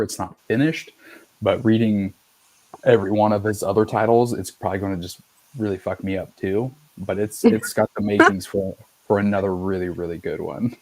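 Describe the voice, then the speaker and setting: A man's voice: fairly low pitch, steady tone, moderate pace, a little mellow, dry recording. A middle-aged man hosting a podcast, chatting casually in a loose, rambling way and swearing freely. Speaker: podcast host. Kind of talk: casual chat.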